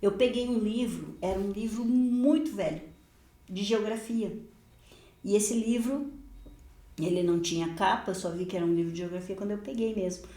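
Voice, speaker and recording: A woman pastor, speaking at normal speed and medium pitch with a roomy sound, tells her personal testimony in a podcast conversation. Laughing frequently and full of energy, she performs the story's dialogue herself.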